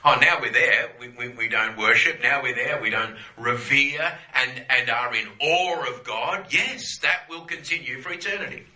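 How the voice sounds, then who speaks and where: A man's voice: mid-range voice, moderate pace, hardly any pauses, pushed and bright, roomy sound, poor audio. A man teaching a Bible class to a group, conversational, often checking in with "yeah?" and repeating phrases for emphasis.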